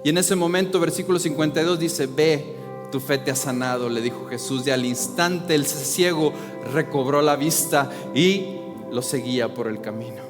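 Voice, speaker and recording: A man preaching a sermon as pastor, impassioned and rising to shouts when he pleads, with frequent rhetorical questions to the congregation. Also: fairly high pitch, moderate pace. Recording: reverberant hall with faint music.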